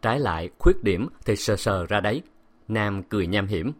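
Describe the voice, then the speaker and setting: A man narrating a dramatic audiobook with expressive storytelling. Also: lowish voice, moderate pace.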